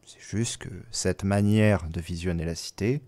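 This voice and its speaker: A man voicing a hushed mysterious watcher. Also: deep voice, no echo. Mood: hushed, enigmatic. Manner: slow, hushed, measured. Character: mysterious watcher spirit, calm and aloof.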